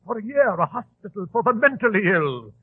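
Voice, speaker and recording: A man performs in the manner of a 1940s radio actor, playing a nervous, vain, grandiose English madman who rants, sounds aggrieved, and keeps repeating himself in agitation. His exaggerated, husky voice is high and brisk with big pitch swings, and the audio is the tinny, band-limited sound of an old radio broadcast.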